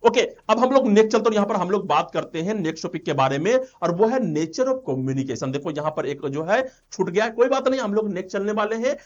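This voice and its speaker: Man teaching, lively voice. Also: high-pitched, dull audio. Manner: explains slowly, repeats each definition, asks and answers own questions. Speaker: nursing teacher. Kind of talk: classroom lecture.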